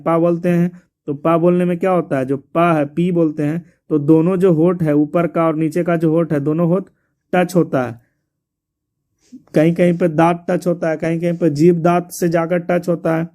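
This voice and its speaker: A man's voice: on the high side, dark tone. A man teaching an exam syllabus, repeating points and spelling words out letter by letter. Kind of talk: explaining a syllabus to students.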